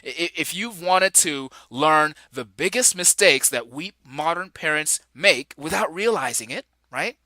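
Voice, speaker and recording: His voice sits a little high and is expressive with a sharp tone, moving a little slowly yet with hardly any pauses. He is a Nigerian man in his forties giving an upbeat, enthusiastic intro to his own solo podcast, chuckling now and then, in a dry recording.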